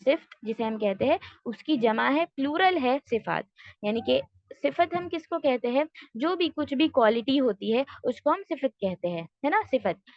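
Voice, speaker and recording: A woman's voice: sits high, animated, no echo, muffled recording. Woman teacher in an online class, dry close sound, keeps asking if students got it, mixes in english words. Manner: explains step by step, often checks understanding. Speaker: tajweed teacher.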